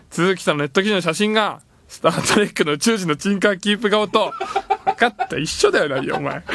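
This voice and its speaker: A man's voice: high-pitched, bright, forceful tone, a little hiss or hum. A man hosting a radio show in a studio, chatting casually, joking and complaining playfully with frequent laughs.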